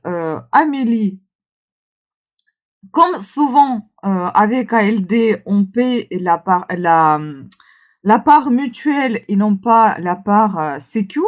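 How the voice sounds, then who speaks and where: Tired, chatty woman with a higher voice. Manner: chatty and rambling, many fillers and restarts. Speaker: vlogger. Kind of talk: casual vlog chat.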